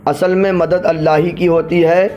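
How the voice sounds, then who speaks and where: A man giving a patient religious lesson, explaining each phrase and drawing out recited verses slowly. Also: a little high, little pitch movement, a little mellow. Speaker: religious teacher. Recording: dull lo-fi recording.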